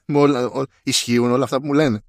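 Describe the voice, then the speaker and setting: A man's voice: medium pitch, steady tone, a little mellow, dry recording. Guy cohosting a tech podcast, wry, chatty, dry close mic. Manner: chatty, wry, reads out news items. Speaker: podcast co-host. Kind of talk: casual chat about tech news.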